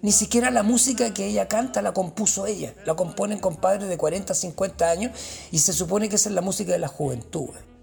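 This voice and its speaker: A man's voice: high-pitched, a little fast, creaky, darkish tone, faint music behind. A man with a Chilean accent delivering a profane, slangy and sarcastic comic rant. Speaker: comedian.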